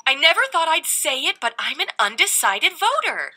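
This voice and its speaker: Brief: wry, chipper game announcer, high and lively, over game music. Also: female voice, normal speed, exaggerated voice. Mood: upbeat. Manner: cheery, wisecracking. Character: chipper female town host announcer, wry. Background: loud game music.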